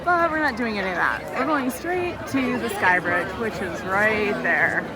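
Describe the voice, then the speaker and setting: A woman films a casual travel vlog out in the open. She talks in a chatty, exclaiming way, narrating the outing as it goes, at a middling pitch. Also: expressive, moderate pace, a loud crowd, very noisy. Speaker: travel vlogger. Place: outdoors at a mountain resort.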